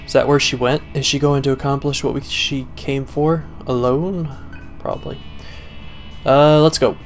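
A man's voice: mid-range voice, steady tone, moderate pace. A young man giving casual gameplay commentary in a sarcastic, profane, muttering way, close to a desk mic. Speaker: let's play gamer. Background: faint game music.

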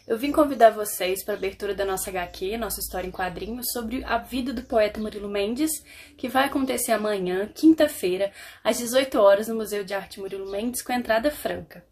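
A young woman speaking straight to a camera held close, delivering a prepared invitation in a steady, rehearsed manner. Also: medium pitch, a little fast. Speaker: comic artist, invited guest.

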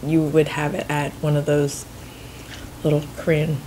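A woman from the United States talks through a relaxed chat over food, her voice sitting a little low. She wanders through her explanations, correcting herself and hedging as she goes. A faint hum of ambient noise sits behind her. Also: a little slow. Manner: rambling, self-correcting, hedges often. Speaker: host. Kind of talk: casual chat over a meal.

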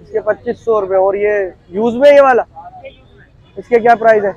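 A man's voice: high voice, moderate pace, darkish tone, dry recording, highs cut off. A man in his thirties vlogging through a busy outdoor street market, chatting casually, repeating prices and talking to viewers. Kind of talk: casual walkthrough vlog, asking prices.

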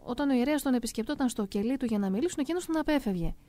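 Warm, higher-voiced middle-aged woman storyteller. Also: animated. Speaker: narrator of a personal testimony. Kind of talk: first-person storytelling read aloud.

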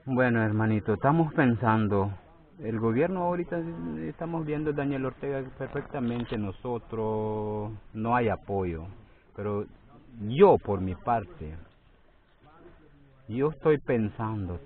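Halting low-voiced man, tinny phone sound. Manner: halting, repeats words, grows forceful when protesting. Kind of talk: outdoor field interview. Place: outdoors by a forest clearing. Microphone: phone held near the face.

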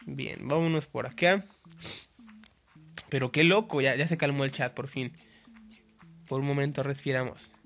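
Chatty Mexican man gaming. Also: fairly high pitch. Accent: Mexican Spanish. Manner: chatty, greets viewers nonstop. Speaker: gaming YouTuber. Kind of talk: live gameplay commentary.

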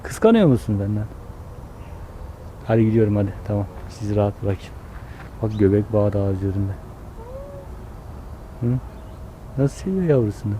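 A man's voice: on the low side, lively intonation, moderate pace, pauses often, warm tone, a little hiss or hum. A man vlogging from outdoors in a zoo enclosure, chatting casually and soothing the animals as he films. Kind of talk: casual narration while filming animals.

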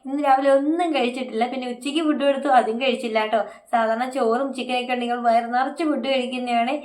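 A woman talking quickly in a casual vlog about her pet cat at home. Her voice sits a little high, and her chatty, tender manner carries through her narration. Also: fairly even intonation, darkish tone. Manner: chatty, tender, ends sentences with "ട്ടോ". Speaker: cat vlogger.

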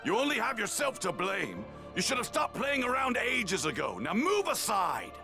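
A man voicing a proud, impatient warrior rival in a video game, gruff, gravelly and curt. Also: high-pitched, huge pitch swings, moderate pace, exaggerated voice. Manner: curt, commanding. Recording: game music behind the voice.

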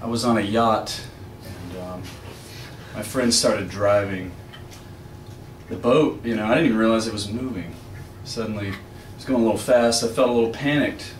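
A man performing at an apartment experimental music show, telling a meandering story in a deadpan, wry way between improvised pieces. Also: lowish voice, moderate pace. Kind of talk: rambling spoken monologue between improvised music. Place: small apartment used as a live music venue. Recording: roomy, distant live room recording with faint noise.

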